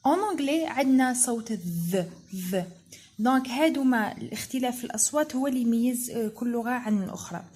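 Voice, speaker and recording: A woman with an Algerian Arabic accent, teaching an English pronunciation lesson. She repeats each sound patiently and slowly, switching between Arabic, French and English. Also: mid-range voice, a little mellow, husky. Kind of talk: spoken language lesson.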